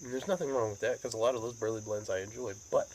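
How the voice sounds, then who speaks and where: American male hobby vlogger, lowish voice, unhurried rambling chat, crickets and outdoor noise behind. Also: a little mellow, low-quality recording. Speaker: pipe tobacco vlogger. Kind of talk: casual rambling monologue.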